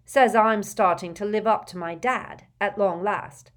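A woman voicing an earnest, clumsy teenage boy wizard, talking loudly and eagerly. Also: mid-range voice, measured pace, voice pushed up, natural voice.

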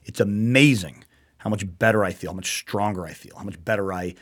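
Man, talk-show host, casual chat, lowish voice, rambling, repetitive, emphatic. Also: a little fast, a bit bright.

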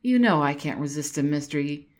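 A woman's voice: sits low, expressive, brisk. A woman voicing a curious, playful young woman amateur detective in a read-aloud story. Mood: eager.

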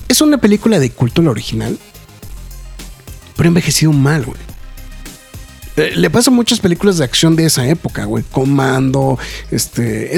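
A man with a Mexican accent talks through a film in a relaxed review chat, pressing his points hard and filling gaps with slang. His voice is gravelly and a bit husky and sits fairly high for a man. Faint music plays underneath. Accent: Mexican Spanish. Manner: emphatic, peppers speech with slang fillers.

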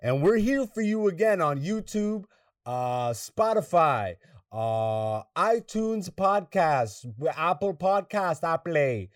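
A brash male podcast host jokes and curses his way through casual banter. His voice sits a touch high. The sound is dry, with the mic slightly distant. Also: very animated, slow, dry recording. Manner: brash, profane, joking.

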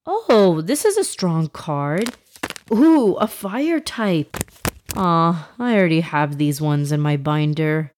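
A woman voicing an eager, excitable little first-grade boy in a children's story, full of exclamations. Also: low-pitched, takes it slowly, slight background noise. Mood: thrilled.

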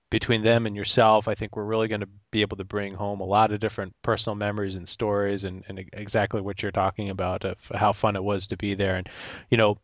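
Male podcast host, lowish voice, casual chat, halting delivery, dry slightly dull recording. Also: a bit bright, no room sound.

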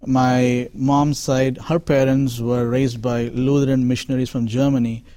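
A man from Chennai with an Indian accent, calmly explaining as an interview guest, with many fillers. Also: medium pitch, a little slow, no echo, clean studio sound. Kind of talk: interview answers.

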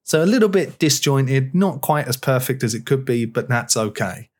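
A man hosting a podcast, talking in a relaxed, chatty way with plenty of fillers. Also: mid-range voice, moderate pace. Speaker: podcast host. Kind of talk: casual chat.

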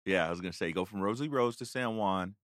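Podcast host, man, very low voice, brief prompting questions. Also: quick pace, a bit bright. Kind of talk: casual interview questions.

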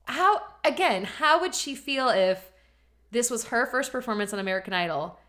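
A woman in her thirties co-hosts a casual conversation, sharing strong opinions. Her fairly high voice has a bright, sharp edge and sounds expressive. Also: moderate pace. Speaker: podcast co-host. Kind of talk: casual chat.

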